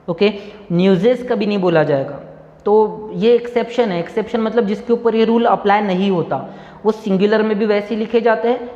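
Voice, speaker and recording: A man's voice: high-pitched, a little mellow. A man from India teaching English grammar in Hindi, spelling words out letter by letter and repeating key points for his students. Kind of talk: Hindi-medium grammar lesson. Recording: echoey room, dull lo-fi sound.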